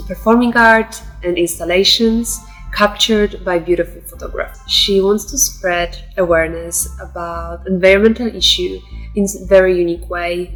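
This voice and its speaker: A woman's voice: lowish voice, poor audio. A woman hosting a podcast, introducing her guest in a chatty way with many fillers and restarts. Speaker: podcast host.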